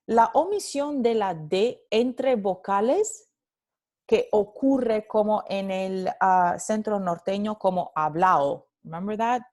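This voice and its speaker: A woman's voice: mid-range voice, warm tone. A woman teaching Spanish phonetics in a recorded lecture, moving between Spanish and English and repeating example words to model how they sound. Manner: explains slowly, switching between Spanish and English. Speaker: Spanish language instructor.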